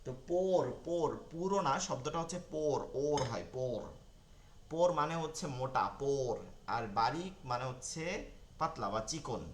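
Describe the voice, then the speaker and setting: A man's voice: fairly high pitch, a little hiss or hum. Echoey-voiced man teaching Quran reading. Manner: repeats key terms slowly for learners, asks "ঠিক আছে?". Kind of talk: online Quran reading lesson.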